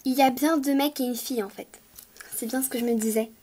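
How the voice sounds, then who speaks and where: Female vlogger, high voice; eager, repetitive, lots of pauses and fillers. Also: steady tone, dark tone. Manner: gushing, repeats words, many hesitations. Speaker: toy collector vlogger. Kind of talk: casual vlog talk to viewers.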